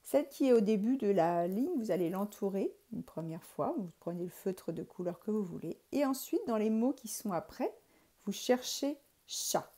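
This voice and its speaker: A woman's voice: medium pitch, expressive, normal speed, mellow. A French woman teacher giving a recorded lesson to young pupils, patiently spelling out letters and syllables one by one. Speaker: primary school teacher.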